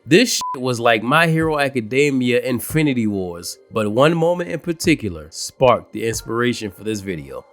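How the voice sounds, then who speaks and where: A young man with a stuffy, congested voice, hosting an anime commentary video in a laid-back, smooth lounge-host manner. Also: medium pitch, a bit bright. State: congested from a cold.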